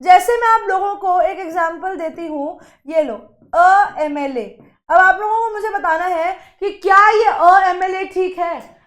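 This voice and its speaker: A woman's voice: very high voice, a little slow, a bit bright. A woman teacher explaining a lesson to students, asking questions and answering them herself. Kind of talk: classroom lesson.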